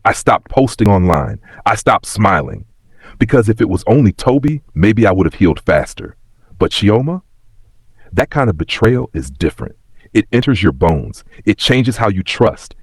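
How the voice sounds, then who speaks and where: A man with a very deep, husky voice tells a dramatic family story in the first person. His delivery swings widely in pitch as he leans into the emotion of each turn. The sound is close and dry, with no room around it. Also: no echo. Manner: emotional, expressive delivery of a betrayal tale.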